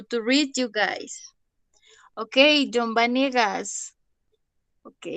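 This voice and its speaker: A woman's voice: fairly high pitch, fairly bright tone, dry recording. A young woman, an English teacher giving an online class on video call, patient and always checking with "¿listo?".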